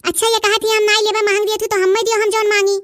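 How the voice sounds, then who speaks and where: In a clean studio recording with no room sound, a woman voices a loud, quarrelsome adult village woman for a cartoon dub, haggling and grumbling about prices in a rustic Awadhi accent from eastern Uttar Pradesh. Her voice is very high-pitched and fairly bright, delivered quickly in a level tone.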